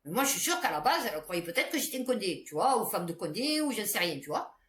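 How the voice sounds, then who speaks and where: Chatty woman vlogger with a lively voice. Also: mid-range voice, fast talker. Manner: chatty, many fillers and restarts. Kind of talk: casual rambling storytelling to camera. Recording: echoey room with faint background noise.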